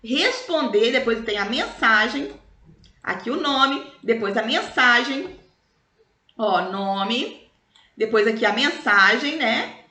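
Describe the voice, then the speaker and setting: A Brazilian woman teaching schoolchildren in a recorded review lesson, explaining slowly and stretching out example words in a sing-song way. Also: a little high, expressive, sharp tone. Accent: Brazilian Portuguese. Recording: echoey room.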